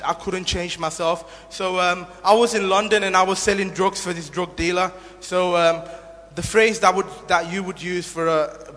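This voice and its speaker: A young man from Nepal, in his 20s, gives his testimony as a guest in a church hall, speaking earnestly but haltingly with many ums and restarts. His voice sits a little high and slightly bright, and long reverb carries it across the room.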